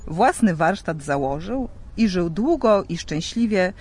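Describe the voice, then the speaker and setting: A man narrating a legend as a lively, expressive storybook reading. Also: high voice, a little slow, husky.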